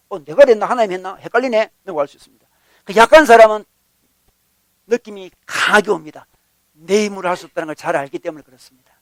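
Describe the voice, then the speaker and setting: A man's voice: high voice, fairly bright tone, no room sound. A male pastor delivering a sermon, acting out complaints and God's replies with sudden emphatic rises. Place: church.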